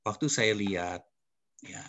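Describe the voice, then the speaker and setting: Here the Indonesian pastor sounds lowish and a little slow, his tone slightly bright, with some background noise present. An older man, he tells personal stories while teaching a church study group, often turning to listeners and calling them "Saudara."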